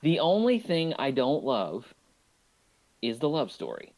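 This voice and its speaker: A man co-hosting a movie podcast, chatting casually and enthusiastically about an animated film, often restarting his sentences. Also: mid-range voice, measured pace, poor audio. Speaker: podcast co-host.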